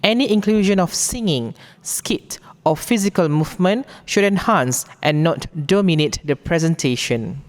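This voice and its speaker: A woman with a Malaysian accent presents a formal briefing, reading out rules in a deliberate, instructive way. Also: fairly low pitch, expressive. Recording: long echoing hall reverb.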